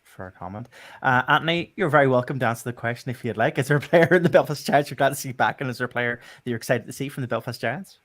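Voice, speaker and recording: A man's voice: mid-range voice, fast, fairly bright tone, no echo. A man from Northern Ireland hosting a casual podcast chat, rambling with many ums and restarts. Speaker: podcast host.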